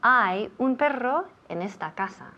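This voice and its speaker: A woman's voice: a little high, animated, measured pace. A woman teacher from running a bilingual English lesson, patiently repeating words for pronunciation drills. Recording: dull lo-fi sound.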